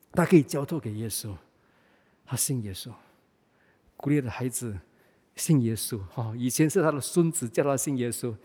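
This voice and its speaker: A man's voice: fairly high pitch, dark tone. A man with a Malaysian Mandarin accent preaching a sermon, telling a story in a conversational way and often repeating and restarting his words. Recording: reverberant hall.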